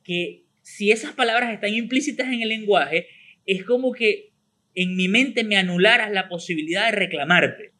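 A man's voice: high-pitched, normal speed, sharp tone. A man, chatting casually as a podcast co-host, acting out quoted exchanges with lots of repeated fillers. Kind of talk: casual chat.

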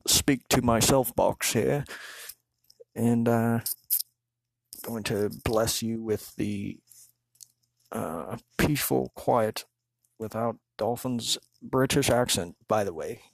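A man talking to himself in a casual, rambling monologue, laid-back and full of slang and swearing, high on weed. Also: takes it slowly, creaky, pauses often, no room sound. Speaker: solo talker.

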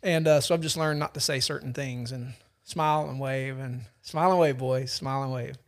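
A man in his forties hosting a casual podcast chat, telling stories with a self-deprecating, animated manner. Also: medium pitch, a little fast. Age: 40s. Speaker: podcast host.

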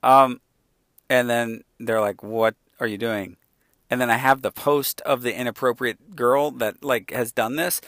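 A man, a father in his forties, talking casually and candidly with animated asides. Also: mid-range voice, a little slow, no echo, studio quality. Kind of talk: casual chat.

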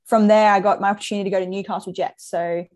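Casting: woman, twenties, Queensland Australian accent, mid-pitched, informal conversational athlete in a casual interview. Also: fairly even intonation, rapid-fire, darkish tone. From Brisbane, Australia. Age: 20s. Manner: informal, chatty. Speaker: professional soccer player, interview guest. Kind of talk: casual chat.

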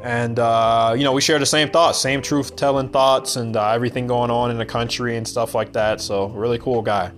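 A man's voice: medium pitch, steady tone, moderate pace, hardly any pauses, faint music behind. A man from the United States hosting a podcast, talking in a blunt, rambling casual monologue and swearing freely. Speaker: podcast host.

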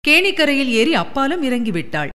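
Expressive woman narrating a story. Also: high voice, brisk, big-room sound. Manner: expressive dramatic reading.

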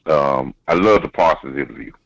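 A man speaks over the phone in a low voice, calling in as a football coach. He talks casually, stumbling and repeating words as he works toward his point. The line is dull and dry. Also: animated, creaky, dry recording. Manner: halting, repeats words while building a point. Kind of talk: casual sports chat.

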